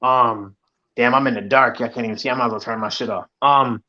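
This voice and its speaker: A man joining a panel from a dark room on a video call, telling a story hesitantly with many fillers. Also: medium pitch, steady tone, a little fast. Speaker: panel guest. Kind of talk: casual storytelling. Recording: dull lo-fi call audio.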